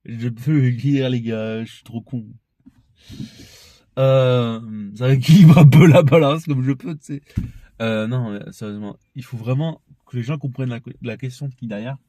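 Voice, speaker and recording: A man's voice: mid-range voice, normal speed, mellow, no room sound, clean studio sound. A young man talking in a casual, rambling monologue that is full of swearing and laughter, and that sometimes turns into heated ranting. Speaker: vlogger.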